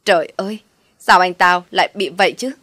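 A woman voicing a blunt, loud young woman friend in a storybook, talking in slangy, sharp bursts. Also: on the low side, flat delivery, dry recording, lightly acted. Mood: tearful. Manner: loud, slangy and quick to shout.

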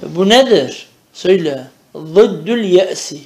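A man's voice: sits high, animated, slow pace, a little mellow, echoey room. A man teaching a traditional madrasa-style Arabic lesson, chanting verb conjugations in rhythmic drills and explaining them in Turkish, often checking with "değil mi?".

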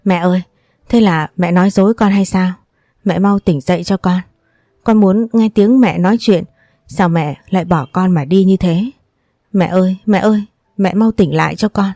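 A woman's voice: lowish voice, moderate pace, dark tone, dry recording, studio quality. A woman voicing a grieving teenage girl who pleads tearfully with her dying mother. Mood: anguished.

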